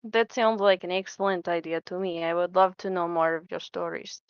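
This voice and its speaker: A woman's voice: on the low side, steady tone, normal speed, clean tone, dry recording, lo-fi sound. A woman playing a tabletop game, speaking in character in an earnest, polite way. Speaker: player. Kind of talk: in-character tabletop role-play.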